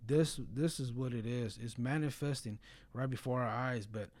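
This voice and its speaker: A man's voice: mid-range voice, moderate pace, darkish tone. A man talking casually and earnestly about religion in a blunt way, often peppering his speech with slang and filler phrases. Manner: blunt, earnest, frequent "bro" and "you know".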